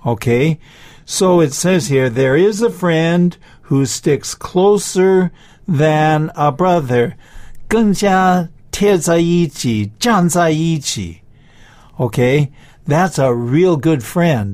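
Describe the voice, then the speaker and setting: A woman giving a language lesson in a deliberate manner, pausing to check that listeners understand. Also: deep voice, expressive, darkish tone. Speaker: English teacher on a children's show. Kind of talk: slow language lesson, switching between English and Mandarin.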